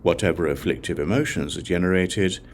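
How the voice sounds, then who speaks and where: A man reads a Buddhist scripture for an audiobook, solemn and deliberate, delivering short, measured phrases. His voice sits low, with slight background noise.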